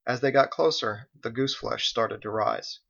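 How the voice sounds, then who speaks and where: A man narrating an audiobook in a measured, even reading. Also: medium pitch, vocal fry, husky. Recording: dull, slightly lo-fi recording.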